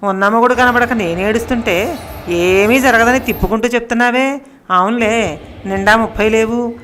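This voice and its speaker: A woman voicing a frantic, sharp-tongued middle-aged wife who scolds and wails loudly in a storybook tale. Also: a little fast, a little hiss or hum, lightly acted. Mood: scolding. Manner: loud, shrill scolding and wailing.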